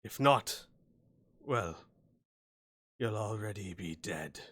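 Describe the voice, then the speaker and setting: A man voicing a menacing, grandiose hobgoblin war leader for a tabletop game, proclaiming slowly and solemnly. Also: fairly low pitch, expressive, fairly bright tone, full character voice. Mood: grandiose challenge. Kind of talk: tabletop villain role-play.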